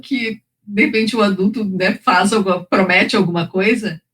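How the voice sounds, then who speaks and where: A woman's voice: mid-range voice, steady tone, normal speed, a bit bright. A woman talking through ideas in a study group discussion, with a conversational explaining manner. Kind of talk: discussion of child development.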